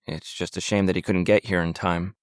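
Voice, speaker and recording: A man's voice: low-pitched, level tone, fairly quick, clear, resonant tone, dry recording, clean studio sound, natural voice. A man reading the lines of an uneasy, hesitant man haunted by a ghost, in an awkward, faltering way, in an audiobook.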